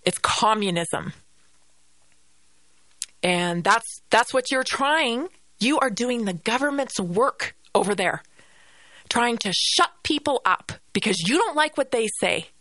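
A woman's voice: a little high, animated, slow, a bit bright, no echo. A Canadian-accented woman hosting a radio podcast, delivering an indignant opinion monologue and repeating phrases for emphasis.

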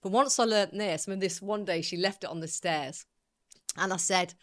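A woman's voice: mid-range voice, a little fast. A middle-aged woman coach from the UK, chatting candidly as a guest and acting out the voices in her stories. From United Kingdom. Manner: animated, acts out quoted voices, laughs often. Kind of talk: candid conversational storytelling.

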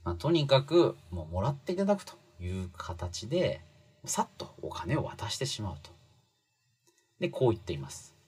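A man's voice: lowish voice, big pitch swings, moderate pace, darkish tone, slightly rough. A man talking casually through a book's lessons, chatty and full of fillers, stressing key phrases. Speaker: commentator explaining a book. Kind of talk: casual spoken explainer.

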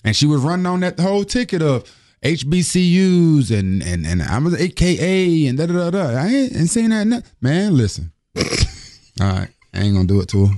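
Lively slangy radio host guy, higher voice, bouncing all over, faint music behind. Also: moderate pace. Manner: animated, joking, slangy. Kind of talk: casual morning radio banter.

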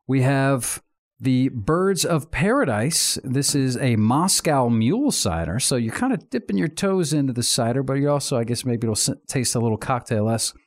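A man's voice: medium pitch, expressive, normal speed. A man co-hosting a casual podcast chat, rambling and chatty, often breaking off mid-sentence. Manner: rambling, chatty, self-interrupting. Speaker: podcast co-host.

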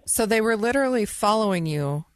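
A woman's voice: mid-range voice, animated, fairly quick, no echo. A woman co-hosting a talk show, asking direct, probing questions. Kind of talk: interview questions.

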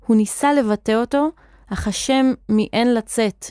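A woman narrating a children's story in a clear, expressive reading voice. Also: fairly high pitch, no echo, clean studio sound.

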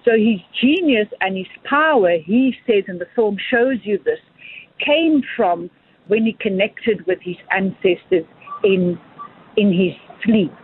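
Lady filmmaker talking over a tinny phone line, husky, dry sound. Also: medium pitch, animated, unhurried. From South Africa. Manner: earnest, expansive, repeats words as she thinks. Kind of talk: interview answer. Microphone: phone call.

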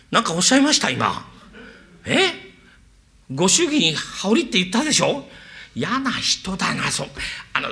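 Guy doing a chatty show-off from old edo, bright lively voice. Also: gravelly, full character voice. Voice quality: fawning and boastful, swings in pitch. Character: chatty, boastful male hanger-on who mimics voices. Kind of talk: rakugo storytelling.

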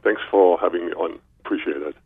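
A chiropractor in his fifties from Berlin, Germany, appears as an interview guest over a narrow, muffled telephone line, casually telling his own story in a German accent. His voice is low and husky, and he talks a little fast.

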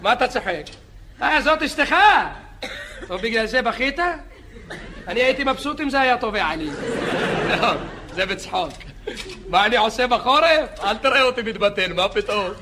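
A man playing a boastful, chatty beach lifeguard who rambles, jokes and yells at bathers in a comedy sketch. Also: very high-pitched, lively intonation, pauses often. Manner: rambling, joking, shouting at bathers. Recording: live audience laughter and noise. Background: audience laughing.

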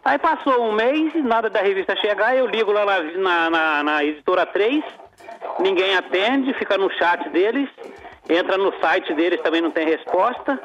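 A male caller heard over the phone on a radio call-in show, complaining and often repeating words while he searches for them. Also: sits high. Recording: dull phone-line sound on a radio show.

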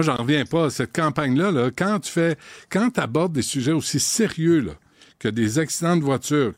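A man's voice: mid-range voice, darkish tone, dry recording, studio quality. A man, a radio host who teases and speaks sarcastically in a casual chat. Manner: teasing, sarcastic.

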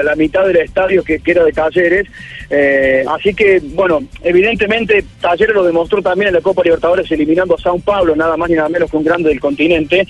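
An Argentine man with a Córdoba accent and a husky voice, speaking effusively as a football commentator in a radio interview. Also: high voice. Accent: Argentine, Córdoba region. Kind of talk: live radio interview, conversational. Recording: muffled radio phone link, faint music.

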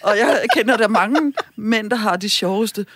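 A woman's voice: medium pitch, no echo, studio quality. A woman guest on a radio talk show who speaks animatedly and laughs often. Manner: animated, laughs often, lists ideas quickly.

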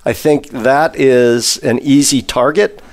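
A man on an interview panel speaking for the industry, thinking aloud in long, winding answers with many pauses. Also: mid-range voice.

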